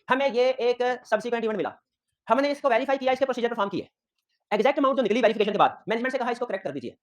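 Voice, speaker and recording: A man giving an audit lecture, who keeps checking whether his students follow and mixes in stories from his own work as an auditor. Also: very high voice. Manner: lively teaching with personal anecdotes. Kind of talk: classroom lecture.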